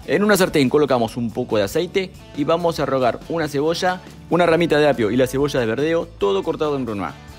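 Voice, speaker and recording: A young man talks through a recipe one calm step at a time. His voice sits a little higher than most men's. Soft music plays under the voice-over. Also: quick pace. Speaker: cooking channel host.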